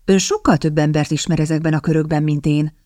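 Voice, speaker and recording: A woman's voice: deep voice, steady tone, dark tone, dry recording, studio quality, close to an everyday voice. Woman voicing a coaxing, determined young lady. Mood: persuasive. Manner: persuasive, coaxing. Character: sharp, determined young woman seeking a husband.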